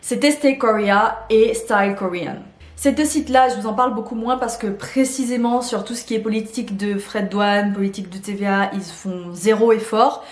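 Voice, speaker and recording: A woman's voice: medium pitch, reverberant. A woman vlogging about beauty shopping in a chatty way, laughing often and repeating words as she explains. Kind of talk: casual explainer vlog.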